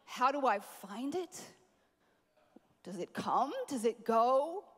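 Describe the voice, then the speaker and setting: A woman preaching a sermon at a conference, animated, with playful asides to the crowd. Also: a little high, slow, slightly rough, big-room sound. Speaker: conference speaker. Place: large conference hall.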